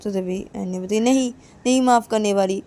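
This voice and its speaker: A woman's voice: mid-range voice, a little fast, mellow, lightly acted. A woman voicing Ananya, a young woman who speaks curtly and sternly to her girlfriend in a told story. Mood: sulky. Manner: curt, stern.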